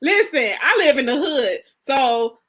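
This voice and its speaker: A woman co-hosting a casual chat show, animated and emphatic in her arguments. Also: high voice, unhurried. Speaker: co-host.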